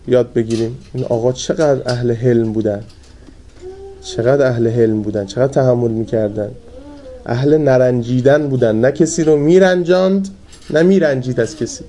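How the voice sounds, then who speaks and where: A man preaching a sermon in a colloquial storytelling manner. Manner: colloquial storytelling with lively pitch swings.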